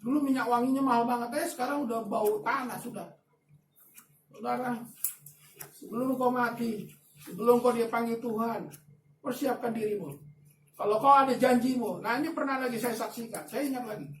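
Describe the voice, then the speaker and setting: Man, pastor, sermon, animated storytelling, soft asides and loud bursts, distant from the mic, echoey hall. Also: very high-pitched, normal speed, slight background noise. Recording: echoey room, voice from a distance, faint ambience.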